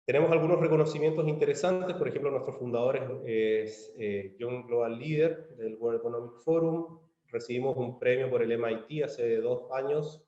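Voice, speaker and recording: A Chilean man with a Chilean Spanish accent gives a measured virtual conference presentation, pausing on fillers and restarting phrases. His mellow voice is medium-pitched, sitting in a middle range. It reaches us through a computer mic on a video call, a dull, lo-fi line from a roomy space.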